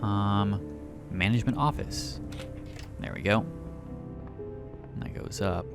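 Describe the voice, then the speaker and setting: Guy doing chill let's play commentary, lowish voice, game music behind. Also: slow, vocal fry. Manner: thinks aloud, reads game notes. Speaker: gaming YouTuber.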